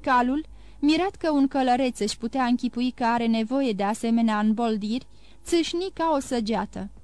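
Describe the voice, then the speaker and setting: A woman narrating an audiobook of a classic novel in a steady, even reading voice. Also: on the high side, dry recording.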